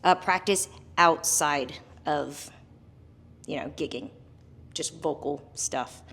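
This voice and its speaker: Upbeat woman singer, lowish voice. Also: slow pace, slight background noise. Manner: upbeat, animated, laughs often. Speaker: guest, professional singer. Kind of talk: casual interview chat.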